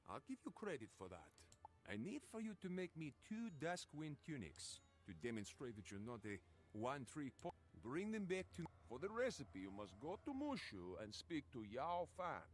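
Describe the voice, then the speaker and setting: A man's voice: on the high side, huge pitch swings, moderate pace, faint music behind. A man voicing a haughty, impatient male craftsman mentor in a video game, with a condescending, theatrical delivery. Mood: grudgingly impressed.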